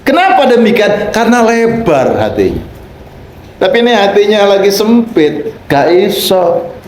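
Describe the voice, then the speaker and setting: A male preacher delivers a playful sermon in a high voice, acting out small dialogues. His delivery is slow and unhurried. The sound carries a noticeable room echo. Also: very animated, a little hiss or hum. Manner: playful, acts out quoted voices, rising to shouts for emphasis. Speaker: Islamic preacher. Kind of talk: lively sermon with acted dialogues.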